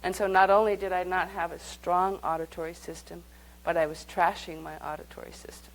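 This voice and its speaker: A woman's voice: fairly low pitch, little pitch movement, brisk, a little hiss or hum, poor audio. A woman leading a live workshop, speaking conversationally and guiding the group through exercises. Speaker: workshop teacher.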